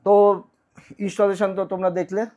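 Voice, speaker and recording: Speaking fast in a high, mellow monotone, a vlogger walks through installing a product. His hands-on tutorial is casual and instructive, and he tends to repeat his phrases while demonstrating.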